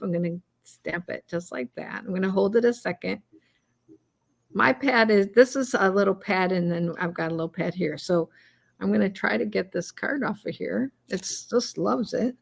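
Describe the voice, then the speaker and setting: A woman's voice: medium pitch, moderate pace, creaky. A woman co-hosting a cardmaking video, chatting casually and a little rambly as she demonstrates. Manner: chatty, rambling, self-deprecating. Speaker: cardmaking co-host.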